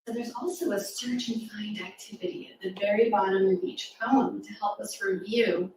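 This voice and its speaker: Her voice sits at a medium pitch, even in tone and a touch mellow, moving at a moderate pace. She's sharing rhyming verse with small children during a live reading in a large room, keeping it interactive and encouraging. Captured from afar, the audio carries room echo and a little background noise.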